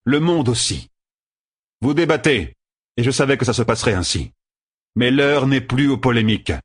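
A resolute young male hero in an audiobook, grim and unbending, played by a man. He speaks in firm, measured declarations, a little above the reader's own pitch and husky. The sound is dry and close. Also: expressive, dry recording.

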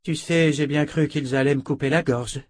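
A man's voice: a little high, fairly even intonation, moderate pace, no room sound, studio quality, pitched above the performer's own voice, close to an everyday voice. A man voicing a self-righteous young sorceress who lectures with indignation. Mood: calm.

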